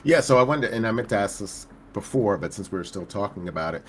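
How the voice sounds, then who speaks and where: A male podcast host with a low voice asks curious questions. He thinks aloud, filling pauses with small sounds as he goes. A faint hiss of noise runs behind him. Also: expressive. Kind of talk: conversational interview.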